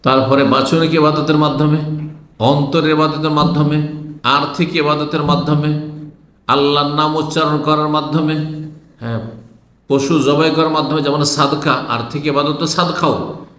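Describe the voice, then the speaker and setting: A man from Bangladesh preaching to a gathering in a roomy, echoing hall. His voice sits a little high for a man, and he works through numbered points, often asking his listeners questions. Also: level tone, moderate pace, a bit bright. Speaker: Islamic preacher. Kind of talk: religious lecture. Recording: roomy echo.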